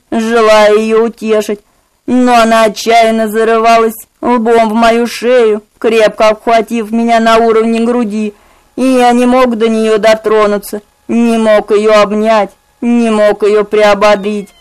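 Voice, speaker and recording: A woman reading an audiobook aloud in measured, steady scripted narration. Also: on the high side, clear, resonant tone, low-quality recording.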